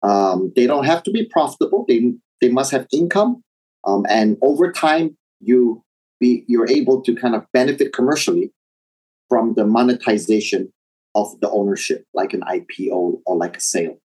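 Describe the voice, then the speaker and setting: A middle-aged man from Taiwan, raised in Indonesia, speaking as an interview guest in a measured, reflective way with some fillers. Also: medium pitch, animated, mellow, rough recording. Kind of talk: interview, personal background.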